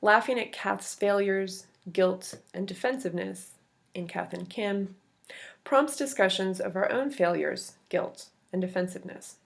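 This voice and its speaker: A woman academic presenting a prepared conference paper in a measured reading voice, with brief off-script asides. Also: medium pitch, gravelly. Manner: measured, reads quotes aloud, brief asides.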